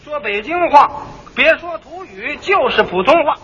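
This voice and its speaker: Male crosstalk lead, very high and bright, lively explainer; hissy old archive tape. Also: normal speed, long reverb tail, dull audio. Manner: lively, explanatory, fond of mimicking street talk. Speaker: lead comic in a crosstalk duo. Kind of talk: stage crosstalk comedy.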